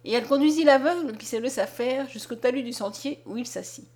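A woman narrates a classic novel in a measured, quiet way. Her voice sits fairly high. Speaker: audiobook reader. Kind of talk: scripted narration.

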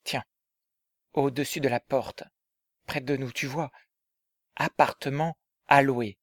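A man voicing Riquet, an eager, affectionate young man in love, in a dramatized story reading, often hushed and conspiratorial. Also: mid-range voice, steady tone, takes it slowly.

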